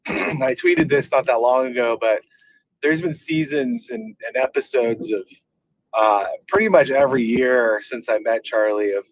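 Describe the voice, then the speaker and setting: A man's voice: mid-range voice, dry recording, rough recording. A man calling in from his car over the speakerphone, talking earnestly and rambling with many restarts. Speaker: caller, activist organization leader. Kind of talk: casual call-in remarks. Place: driving in a car.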